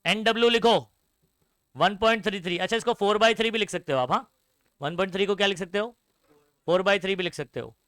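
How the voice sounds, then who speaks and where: In a high, slightly bright voice with no room sound, a young man lectures on science fast but with long pauses. His Hindi is peppered with English terms, and he keeps quizzing students call-and-response style while scolding them.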